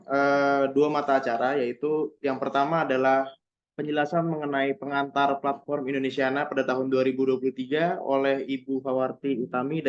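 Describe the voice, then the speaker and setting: A man moderating a webinar in a measured, formal way, pausing on fillers now and then. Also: mid-range voice. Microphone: video call. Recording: dull lo-fi video call audio.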